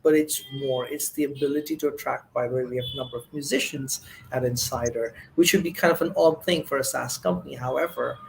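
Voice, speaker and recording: A man's voice: medium pitch, steady tone, fairly quick, vocal fry, slight background noise, poor audio. A man hosting an interview show, effusive and full of thanks, with fillers and restarts. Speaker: host.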